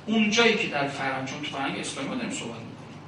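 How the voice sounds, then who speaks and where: A male cleric delivers a rhetorical sermon, stacking long lists with pauses and reciting verse. His voice is bright and a little high. It carries through a very echoey hall, picked up from a distance, with faint room noise behind. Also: animated. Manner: recites verse and Arabic phrases. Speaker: seminary cleric preaching. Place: religious gathering in a large echoing hall.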